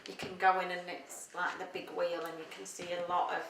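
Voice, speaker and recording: A woman's voice: lowish voice, flat delivery, fairly quick, creaky. A middle-aged woman from Yorkshire with a Yorkshire accent, chatting casually in an interview and often searching for words. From Doncaster, Yorkshire, England. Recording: roomy sound from a distance, faint noise.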